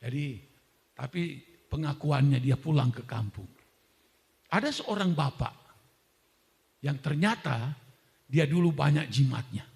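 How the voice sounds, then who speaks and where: A male pastor telling a testimony in a sermon, unhurried and storytelling, breaking now and then into loud shouted prayer. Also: a little high, expressive, gravelly. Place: church hall. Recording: echoey church hall.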